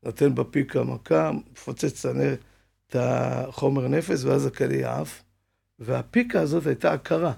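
A man with a deeply gravelly, husky voice recounts personal stories in an interview. He tells them dramatically, acting out the voices of others, and his voice stays in a middle pitch. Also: fairly even intonation, dark tone. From Israel. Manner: dramatic retelling with acted-out quotes. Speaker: guest.

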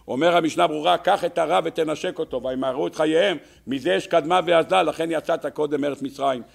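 A man delivers a storytelling sermon as a rabbi. His voice sits a little high with a gravelly edge. At the quoted lines it rises steeply and grows loud, then falls back to a quieter teaching tone.

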